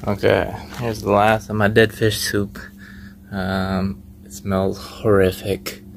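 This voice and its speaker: A man chatting casually to his phone outdoors in a backyard as he vlogs, halting, grumbling and swearing as he goes. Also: lowish voice, level tone, creaky. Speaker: vlogger. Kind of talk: casual first-person outdoor vlog chat, muttering to camera. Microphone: handheld phone held by the speaker. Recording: noisy handheld outdoor phone recording.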